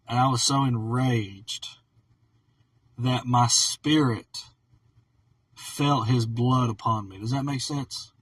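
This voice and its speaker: A man tells a personal story straight to the camera in a rambling vlog monologue. He repeats himself, sinks into low mutters, then bursts out loud. His voice is husky and sits a little back from the microphone. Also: no echo, recorded from a distance, poor audio. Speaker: vlogger.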